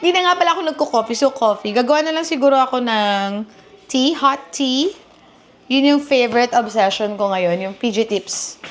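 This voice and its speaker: A woman's voice: fairly high pitch, moderate pace. A woman in her thirties from the Philippines, chatting casually as a vlogger in her home kitchen and mixing Tagalog and English. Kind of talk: casual vlog chat. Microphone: small handheld camera. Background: background music.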